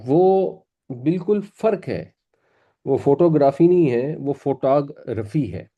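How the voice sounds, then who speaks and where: A man's voice: fairly high pitch, lively intonation, phone-quality sound. A man teaching a Quran class, patiently explaining pronunciation and repeating words for his students. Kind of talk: classroom lesson.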